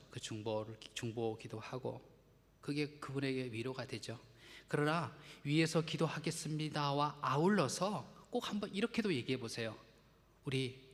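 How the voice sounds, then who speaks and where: A man's voice: mid-range voice, a bit bright, big-room sound. A man preaching a Sunday sermon, conversational, acting out little quotes and asking the congregation questions. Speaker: pastor. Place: church sanctuary.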